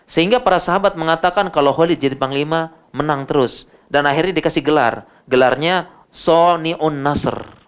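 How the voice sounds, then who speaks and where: A middle-aged man with an Indonesian accent giving an informal religious lecture and answering audience questions, animated and repeating words for emphasis. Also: a little high, normal speed, clear, resonant tone.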